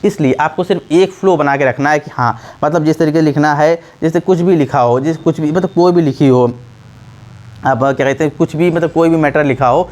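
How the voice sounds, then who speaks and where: A man's voice: fairly high pitch, brisk, a little mellow. A man teaching typing in a casual, repetitive way, full of fillers and restarts, often checking that the listener follows. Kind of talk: casual spoken tutorial.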